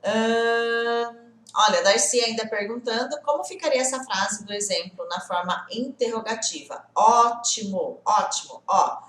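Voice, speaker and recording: A native Portuguese speaker teaches an English lesson on a live stream, keeping things lively and frequently checking in with viewers, greeting them by name. Her voice is fairly high and a little slow, and the sound is roomy.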